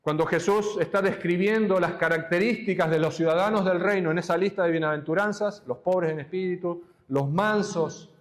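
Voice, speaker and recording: High-voiced preacher. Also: male voice. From Argentina. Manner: teaching, quoting scripture slowly with emphasis. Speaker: pastor. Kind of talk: expository sermon. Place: church.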